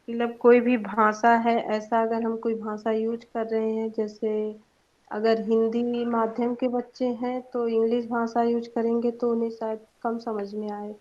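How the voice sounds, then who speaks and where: Young woman presenting a class topic. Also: fairly high pitch. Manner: explains with examples, some hesitant fillers. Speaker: student presenter. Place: online class. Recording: dull lo-fi online class audio.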